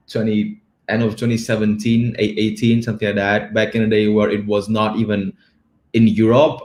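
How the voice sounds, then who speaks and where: A man from the Czech Republic, a guest in an interview, talking in a relaxed, rambling way and often checking in with "right?". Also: on the low side. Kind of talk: casual interview talk. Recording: roomy echo.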